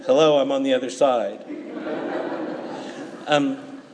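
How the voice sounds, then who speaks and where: A man, a priest, reading the Gospel and preaching at Mass in a calm, steady way, his voice carried by a long cathedral-like church echo. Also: mid-range voice, slow. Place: large church. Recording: reverberant church, faint background noise.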